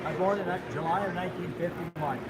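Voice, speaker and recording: A man's voice: high voice, steady tone, brisk. A man in his sixties demonstrating knife sharpeners at an outdoor show, talking in a folksy, rambling way with many fillers. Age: 60s. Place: outdoor gun show, crowd around. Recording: loud crowd noise behind.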